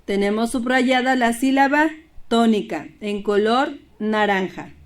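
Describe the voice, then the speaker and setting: Higher-voiced woman teaching a lesson. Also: unhurried. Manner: clear, steady explaining, reads poems and examples aloud. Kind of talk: primary school Spanish lesson.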